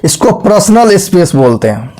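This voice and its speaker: A man's voice: sits high, big pitch swings, normal speed, dark tone, faint music behind. A man explaining a lesson step by step, asking rhetorical questions and demonstrating tones and expressions as he teaches.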